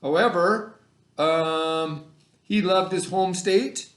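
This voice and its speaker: A middle-aged male elementary teacher speaks slowly in a high-pitched, fairly bright voice. He reads aloud and explains casually to children in a remote video lesson, repeatedly checking understanding with questions and restating things. His indoor room produces an echo.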